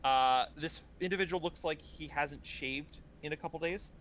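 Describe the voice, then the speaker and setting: A man narrating as game master of a tabletop game, pausing often with fillers and restarts. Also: a little high, a bit bright, a little hiss or hum. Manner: halting, many fillers and restarts.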